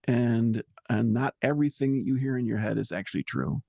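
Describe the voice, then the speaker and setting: Interview guest: man, low husky gravelly voice, dry sound, earnest and halting. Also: dark tone, no room sound. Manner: halting, searching for words, earnest. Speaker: musician guest. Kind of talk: reflective interview talk.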